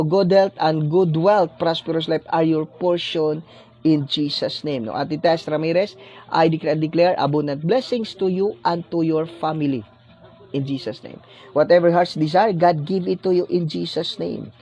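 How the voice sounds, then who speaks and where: A man's voice: on the high side, a little mellow, lo-fi sound. Preaching man. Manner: repeats tag question "no?" after phrases; blessing-decree cadence, preacherly. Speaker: pastor. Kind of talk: livestreamed sermon.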